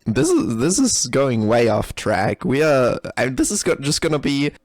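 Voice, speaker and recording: His medium-pitched, slightly mellow voice swings wildly in pitch at a measured pace, recorded dry and at studio quality. As a game developer filming a reaction video, he gives casual, unscripted live commentary, rambling, cursing and laughing at himself, often giggling or breaking into laughter.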